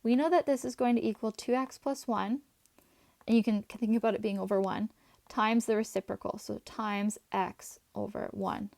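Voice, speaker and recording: A woman's voice: a little high, fairly even intonation, moderate pace, vocal fry, darkish tone, no echo. Chatty woman teaching a math lesson. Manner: chatty, talks while writing, asides to students. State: voice going, slightly hoarse.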